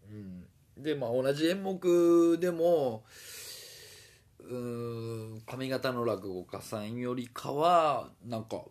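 A man from Osaka with a Kansai accent, talking alone in a meandering, casual way with many fillers and pauses. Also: medium pitch, lively intonation, a little mellow. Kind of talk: casual solo talk.

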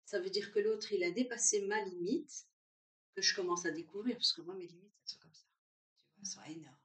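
A woman chatting at a brunch, lively, often acting out what others say. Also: mid-range voice, fast, far from the mic. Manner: animated, acts out what others say. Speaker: guest sharing her story. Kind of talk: casual chat. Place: room at a brunch. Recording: roomy sound, away from the mic.

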